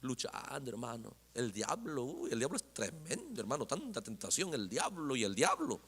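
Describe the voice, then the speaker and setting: A man voicing a weary, grumbling churchgoing man with a low, mumbling complaint. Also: huge pitch swings, moderate pace, fairly bright tone, breathy edge, full character voice. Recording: long hall reverb.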